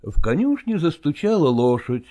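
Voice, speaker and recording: A narrator reading a story aloud in a measured, expressive way, lowering the voice for narration.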